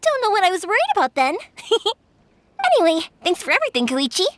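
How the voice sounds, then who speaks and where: Game role: a bright, friendly young fireworks maker. High, animated voice, chatty storyteller. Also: female voice, fast, a little hiss or hum. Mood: cheerful. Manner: lively, chatty and warm-hearted storyteller. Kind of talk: video game voice acting.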